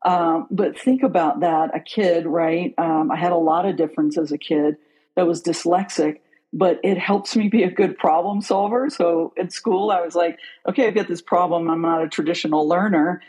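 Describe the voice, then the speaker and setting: A middle-aged business leader from West Virginia, telling their life story as a podcast guest in an earnest, open way that slows down on key points. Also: mid-range voice, steady tone, darkish tone, husky, rough recording. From West Virginia, USA. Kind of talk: reflective personal storytelling.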